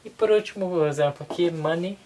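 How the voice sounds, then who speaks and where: A woman with a Brazilian Portuguese accent giving a casual online language lesson, relaxed and unhurried, often checking in with her listeners. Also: rumbling low, slight background noise. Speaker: language teacher.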